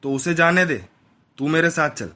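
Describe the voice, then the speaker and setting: A man voicing a worried, protective middle-aged mother who gives hushed warnings in a horror story. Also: fairly high pitch, expressive, normal speed. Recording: voice over loud background music.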